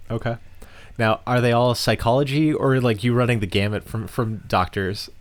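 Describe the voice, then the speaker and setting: A chatty man co-hosting a podcast, teasing his partner and swearing freely. His voice is middle-pitched. It is recorded dry and close. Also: steady tone, moderate pace, no echo. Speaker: podcast co-host. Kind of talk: casual chat.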